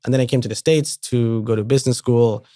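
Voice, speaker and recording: Indian-born man, halting conversational tone. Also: medium pitch, steady tone, mellow, dry recording, clean studio sound. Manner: restarts and repeats words often. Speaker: venture investor, podcast guest. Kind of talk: casual interview conversation.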